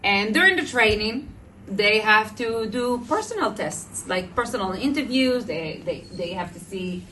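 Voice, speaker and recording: A woman's voice: mid-range voice, lively intonation, measured pace, pushed and bright. A woman with a Moroccan-influenced Israeli accent telling a personal story to a group, often restarting and rephrasing her sentences. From Israel, small moshav near Modi'in. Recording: noisy, distant microphone.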